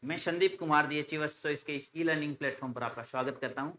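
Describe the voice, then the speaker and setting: A man's voice: fairly high pitch, a bit bright. A man teaching English pronunciation, repeating each word several times in drills. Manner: repeats words slowly in drills. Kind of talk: pronunciation lesson.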